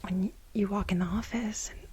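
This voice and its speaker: This woman plays a wounded, flustered assistant in a soft ASMR role play, her breathy whisper halting, dramatic, and full of emphatic repetition. Her medium pitch stays steady and sounds close to her everyday voice, with a little hiss or hum behind it.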